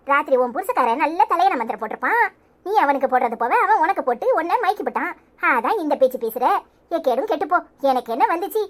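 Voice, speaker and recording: A woman voicing a sharp-tongued, mocking middle-aged mother in a cartoon, with a Tirunelveli Tamil accent. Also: high-pitched.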